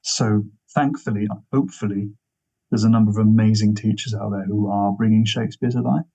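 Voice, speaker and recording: A man with a husky voice, talking casually as an interview guest in a discursive way, repeating himself for emphasis. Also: on the low side, fairly even intonation, a little fast, warm tone, low-quality recording. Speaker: interview guest, theatre actor and director.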